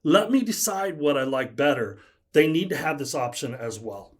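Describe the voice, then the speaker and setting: A man with a fairly high voice talks as a guest on a podcast. He tells stories with lively energy, laughs a lot and restarts his sentences often. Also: moderate pace. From United States. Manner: animated storyteller, laughs often, many restarts. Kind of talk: casual podcast chat.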